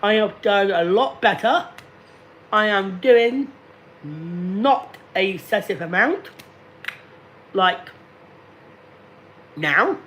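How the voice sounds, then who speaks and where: A man in his late thirties talking slowly and deliberately to viewers on a casual live stream, repeating himself often. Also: high-pitched, animated, a bit bright, a little hiss or hum. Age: 30s. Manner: slow, deliberate and repetitive. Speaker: livestreamer.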